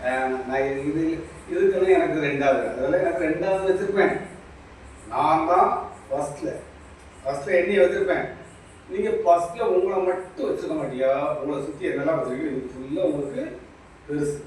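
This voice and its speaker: A man's voice: on the high side, fairly quick, a little mellow. A man giving an impromptu spiritual talk as a teacher, preaching with lots of repetition and questioning his listener directly. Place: small shop. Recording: very echoey, distant mic, faint noise.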